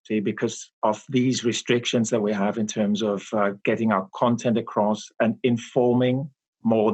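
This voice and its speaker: A man in his forties, from Austria, answering interview questions about his marketing work in a measured, explanatory way with frequent pauses. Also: lowish voice, breathy edge. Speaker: guest, marketing expert. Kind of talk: interview conversation.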